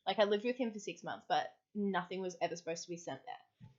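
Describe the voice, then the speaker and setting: A woman co-hosting a podcast, telling anecdotes in animated casual chat and laughing easily. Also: fairly low pitch, fast, highs cut off. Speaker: podcast co-host.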